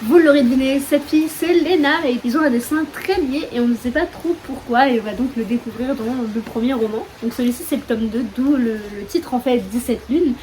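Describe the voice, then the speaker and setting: Young woman, french accent, casual chatty vlog, high voice, storm faintly audible outside. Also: brisk, hardly any pauses, darkish tone. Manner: chatty, self-mocking, many fillers. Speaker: book vlogger. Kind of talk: casual chat. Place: room at home with open windows, storm outside. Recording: faint wind and rain noise. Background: wind and rain.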